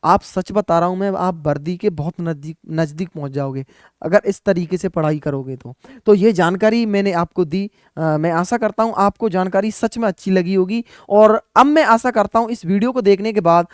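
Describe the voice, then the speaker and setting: A man's voice: high-pitched, normal speed, clear, resonant tone, no echo, studio quality. A man, giving earnest, repetitive study advice as an exam coaching teacher.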